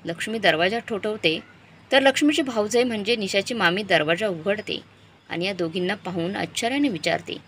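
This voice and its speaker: A woman's voice: medium pitch, fairly quick, fairly bright tone, a little hiss or hum. A woman narrating a dramatic moral story, reading with emotional storytelling.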